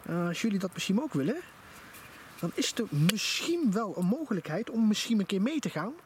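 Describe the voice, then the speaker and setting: High-pitched and fairly quick, this man's voice swings widely in pitch. He vlogs casually and enthusiastically at a forest campfire after dark, filmed on a handheld camera whose outdoor audio is noisy.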